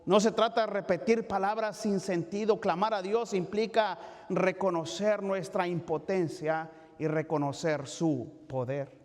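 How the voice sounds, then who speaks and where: A male pastor giving a Bible study sermon. He talks in a halting way, with many fillers and restarts, and keeps asking "¿verdad?". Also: sits high, steady tone. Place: church sanctuary. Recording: long church reverb.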